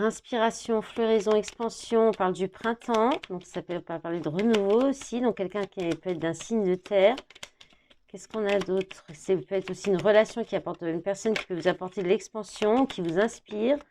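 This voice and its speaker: Woman doing a tarot reading, talks it thru out loud, lots of little fillers, mid pitch, faint hiss behind. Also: normal speed. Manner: thinks out loud, reads card words, many "hein" and "bah". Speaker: tarot card reader.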